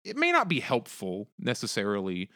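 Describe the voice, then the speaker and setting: Man, podcast host, casual storytelling, lively swooping pitch, dry close sound. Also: normal speed, no echo. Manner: animated, acts out quotes in a raised pitch.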